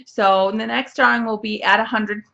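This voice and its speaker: A woman's voice: on the high side, steady tone, moderate pace, gravelly, bright, forceful tone, lo-fi sound. A young woman hosting a casual knitting podcast, chatty and bubbly, with lots of fillers and restarts. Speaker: podcast host. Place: home, seated at a computer.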